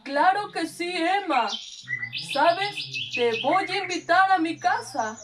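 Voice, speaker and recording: A woman's voice: extremely high pitch, animated, takes it slowly, full character voice. A woman with a Peruvian accent voicing a kind, cheerful male pet in a children's puppet show, reassuring and patiently explaining. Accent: Peruvian Spanish. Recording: voice from a distance off the mic.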